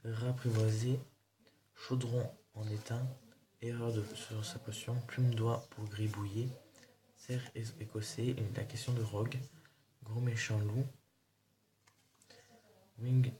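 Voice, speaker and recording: A man's voice: mid-range voice, level tone, takes it slowly, long pauses, a crowd in the background. A man chatting casually in a haul video, showing his purchases with a rambling, hesitant delivery full of fillers. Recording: noisy home recording.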